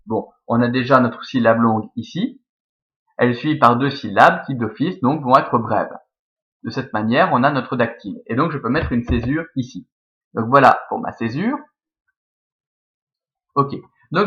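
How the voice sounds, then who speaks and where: A Belgian French-accented man talks a class through a lesson at a middle pitch, reasoning aloud one step at a time. He fills pauses with frequent "euh" and "bon" as he works things out. The recording is dull and lo-fi. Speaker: teacher. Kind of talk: explaining Latin verse scansion.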